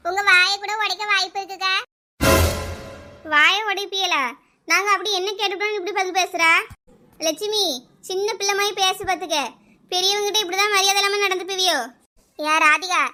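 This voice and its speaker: Woman with Kanyakumari Tamil accent; very high, bright cartoon voice; quarrelsome village gossip. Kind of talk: cartoon voice acting, many village women.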